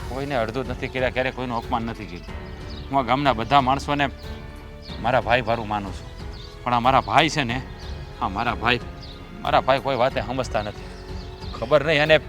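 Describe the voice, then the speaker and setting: An actor playing the headman's conciliatory younger brother, who speaks calmly and earnestly. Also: medium pitch, close to an everyday voice. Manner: calm, soothing, earnest. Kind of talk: village family stage drama.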